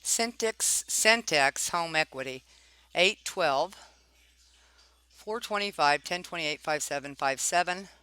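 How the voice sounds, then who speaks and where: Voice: medium pitch, lively intonation, takes it slowly, pushed and bright, clean tone, no room sound. A person giving informal commentary while reading documents aloud, pointed and questioning, often tagging remarks with check-in questions. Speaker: narrator reviewing property records.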